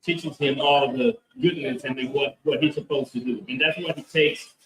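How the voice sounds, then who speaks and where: A comic book creator talks about his work as an interview guest at a convention, rambling through fillers and restarts. His mid-range voice stays steady at a normal speed. The mic is distant, catching roomy echo and crowd noise.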